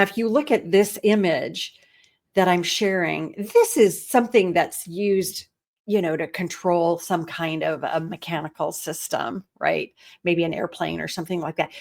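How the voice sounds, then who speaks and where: A woman leadership coach giving a reflective talk over shared slides, often posing rhetorical questions. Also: lowish voice.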